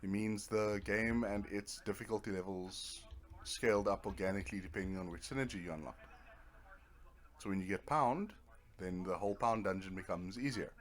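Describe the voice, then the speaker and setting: A man with a lowish voice rambles casually at a moderate pace while streaming a video game, half talking to himself and tossing in playful little words. Netflix plays in the background, and the TV noise nearby comes through clearly.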